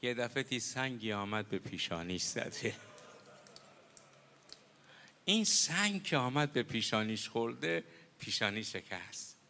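Impassioned bright-voiced male preacher. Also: mid-range voice, lively intonation, creaky. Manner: impassioned, quotes figures in dialogue and builds to loud lament. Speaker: preacher reciting a mourning narrative. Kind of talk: mourning sermon storytelling.

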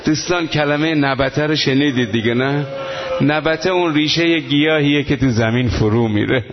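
A man leading a mourning gathering, talking casually to the listeners and breaking into slow, wailing chanted elegy. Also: fairly high pitch, background noise. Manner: talks casually to the gathering, then chants in slow, drawn-out wails. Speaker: eulogist reciting mourning elegies. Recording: dull lo-fi sound.

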